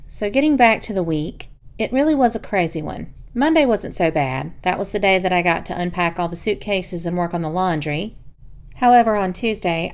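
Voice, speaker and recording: Smooth-voiced woman vlogger, calm voiceover. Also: mid-range voice. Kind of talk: reflective vlog voiceover. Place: home, recorded as a voiceover.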